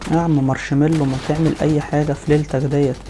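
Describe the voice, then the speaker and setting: An excitable man with an Egyptian Arabic accent talks fast over his gameplay, firing off strings of repeated cries. Game noise and gunfire are clearly audible behind his voice. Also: fairly high pitch. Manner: excitable, rapid-fire repeated exclamations. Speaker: gaming video host. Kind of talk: excited live gameplay commentary.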